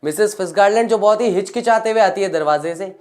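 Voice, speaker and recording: Reading a play's stage directions aloud to teach English, a woman with a mid-range, darkish voice takes each line slowly. She follows every one with a paraphrase and explanation in Hindi.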